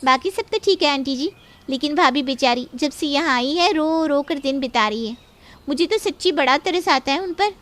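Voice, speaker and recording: A woman's voice: high voice, lively intonation, normal speed, fairly bright tone. A woman voicing a young sister-in-law who gossips in a sweet tone. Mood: sweet-talking.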